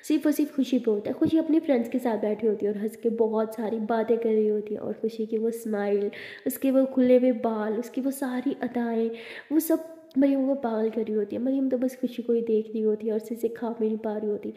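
A woman narrating a love story in a conversational, unhurried way. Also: fairly high pitch, steady tone, mellow. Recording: roomy, reverberant, dull lo-fi.

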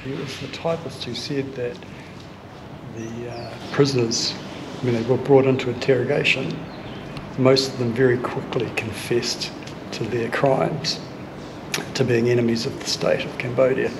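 A man in his fifties with a New Zealand accent, talking earnestly and thoughtfully in a museum and archive, pausing to pick his words. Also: mid-range voice, little pitch movement, noisy background. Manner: earnest, measured, with thoughtful pauses and fillers. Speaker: sailing vlogger recounting family history. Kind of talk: casual explanation on camera. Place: indoor archive room and museum hall. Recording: music bed underneath.

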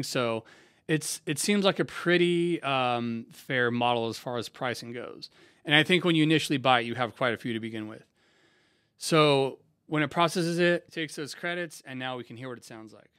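A young man from San Diego, a music producer hosting a casual software tutorial in a laid-back, slangy, conversational way. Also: a little high, clear, resonant tone. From San Diego, USA.

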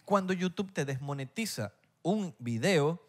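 Un hombre con acento venezolano que conduce un pódcast en charla casual, en tono juguetón y burlón. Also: male voice, fairly high pitch, expressive, unhurried. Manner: playful, teasing, dramatizes on purpose. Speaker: podcast host. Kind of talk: casual podcast chat.

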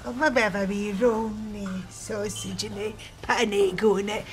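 A woman's voice: medium pitch, fairly even intonation, normal speed, soft background music, natural voice. An actress playing a chatty, nosy older woman with a broad Scottish accent in sitcom dialogue. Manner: chatty, gossipy, rambling.

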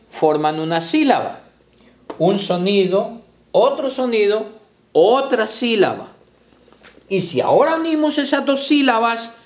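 A man teaching young children to read, slowly and patiently sounding out syllables. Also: sits high. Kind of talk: children's reading lesson at a whiteboard. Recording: echoey room.

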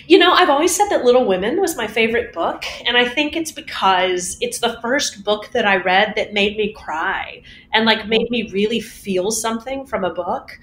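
A woman voice teacher answering interview questions in a casual, animated way, laughing often and poking fun at herself. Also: fairly high pitch, moderate pace. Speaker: voice teacher guest.

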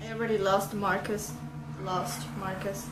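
A woman's voice: mid-range voice, level tone, a little slow, reverberant, noisy background. A woman in her twenties giving casual, emotional reaction commentary with lots of exclamations. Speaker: reaction video host. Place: small bedroom, indoors.

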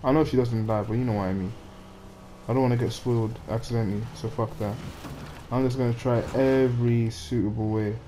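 A man ranting and cursing at a game while he plays it, talking through his frustration in real time. His voice sits in an ordinary middle pitch with a dark, mellow tone, and there is a faint hiss of noise underneath. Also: steady tone, a little fast. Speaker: gamer playing on stream. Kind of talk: live gameplay commentary.

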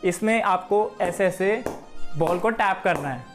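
A man's voice: high-pitched, measured pace, faint music behind. A young man from Haryana, giving a friendly cricket drill tutorial in a room at home, speaking to a camera across the room. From Haryana, India. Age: young adult. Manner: friendly instructive, addresses viewers as friends. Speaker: cricket coach.

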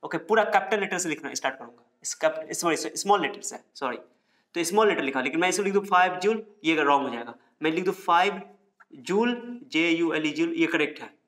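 A man with a somewhat high voice teaches a science class. He repeats each rule several times and asks the students questions, then answers them himself. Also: expressive, fairly quick, fairly bright tone.

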